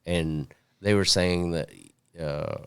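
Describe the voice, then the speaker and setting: Easygoing man with a very deep voice. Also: fairly even intonation, a bit bright, clear, resonant tone, no echo. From Indiana. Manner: easygoing, unsure, halting with fillers. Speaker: podcast co-host. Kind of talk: casual chat.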